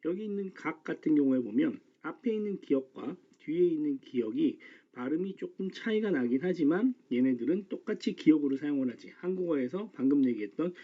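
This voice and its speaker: A male teacher giving a calm, explanatory grammar lecture in casual, informal speech. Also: on the high side, a little fast, few pauses. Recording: slightly dull lo-fi recording.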